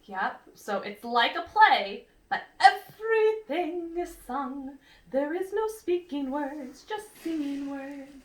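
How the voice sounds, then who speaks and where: Reading a picture book to young listeners, this female storyteller uses a fairly high voice and an expressive, instructive manner, stopping to pose questions and explain things. The distant microphone captures an echoey room and faint background noise.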